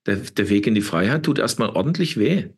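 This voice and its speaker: Husky man in his fifties, preachy. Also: on the low side, very animated, a little fast. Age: 50s. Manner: preachy, emphatic, repeats words and tags with "ne?". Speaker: interview guest. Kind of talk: impassioned interview talk.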